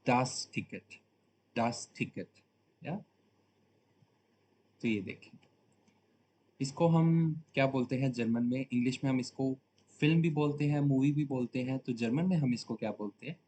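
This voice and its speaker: Male language teacher, patient and repetitive, mid-pitched voice, faint noise behind. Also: dark tone. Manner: slow, deliberate repetition of each word. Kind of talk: Hindi-language lesson teaching German vocabulary.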